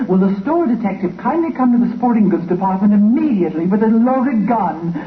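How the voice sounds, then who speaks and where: A man playing a formal, easily flustered department-store announcer over a loudspeaker in 1950s radio comedy. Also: high voice, animated, fairly quick. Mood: formal announcing. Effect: echoing public-address loudspeaker. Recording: tinny, noisy, echoing, distant radio recording.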